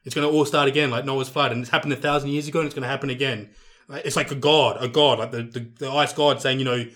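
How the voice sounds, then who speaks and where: A man with a northern English accent in casual chat, animated and opinionated as he hosts the talk. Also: mid-range voice, fast. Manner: animated, opinionated, laughs often.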